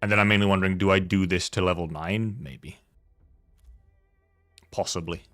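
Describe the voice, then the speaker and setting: Over faint game music, a man with a low, fairly bright voice comments casually on the game he's streaming, thinking aloud hesitantly and repeating himself. His intonation is fairly even and his pace moderate, in a dry, studio-quality recording.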